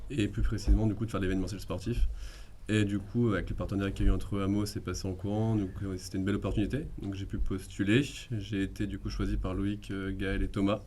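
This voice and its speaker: A man's voice: deep voice, little pitch movement, fast, warm tone. A man in his twenties answering interview questions informally as a student project manager. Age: 20s. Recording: faint ambient background noise.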